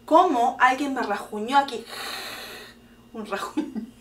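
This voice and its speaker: A middle-aged woman with a Chilean accent, telling a story to her daughter in casual chat, animated and laughing often. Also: sits high, a little slow, distant mic. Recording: echoey room, voice from off the mic.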